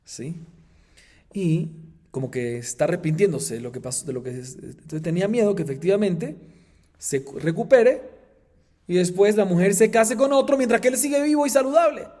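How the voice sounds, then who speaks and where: A man, a rabbi, teaching a Talmud class, explaining the text in an animated way with emphatic highs and chanting the Aramaic passages. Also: moderate pace. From Colombia.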